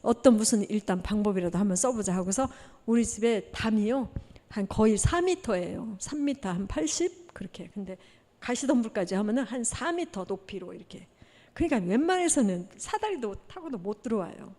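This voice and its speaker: High-voiced woman preaching in echoing church. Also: moderate pace. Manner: animated storytelling, acting out dialogue with gasps. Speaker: missionary preacher. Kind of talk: testimony sermon. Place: church sanctuary. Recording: long reverb of a church hall.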